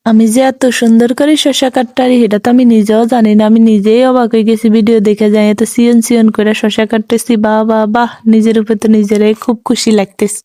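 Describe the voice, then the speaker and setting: A woman with a Chandpur Bengali dialect talks over her cooking footage at a brisk clip. Her tone is mellow and low-key, the pitch stays flat, and the recording is close and dry. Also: no room sound. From Bangladesh. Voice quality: chatty, rambling, self-deprecating. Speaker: cooking vlogger. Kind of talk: casual voice-over narration.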